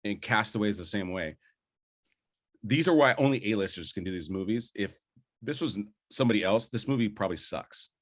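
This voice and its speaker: A young man co-hosting a podcast argues about movies in an animated, brisk, lowish voice. His casual debate runs on enthusiasm and wanders, with fillers and repeated restarts.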